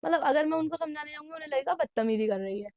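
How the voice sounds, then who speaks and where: A woman's voice: sits high, expressive, fast, darkish tone, no echo, clean studio sound. A woman in her twenties telling a personal story in a casual vlog, chatty and mixing English phrases into her Hindi. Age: 20s. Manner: chatty, mixes English phrases into Hindi and keeps saying "bhai". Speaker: vlogger. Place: indoor room at night.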